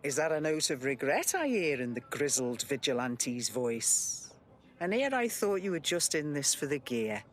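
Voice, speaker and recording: A woman's voice: deep voice, sing-song, moderate pace. A woman playing a wry, teasing, worldly informant in a video game, with an unflappable manner.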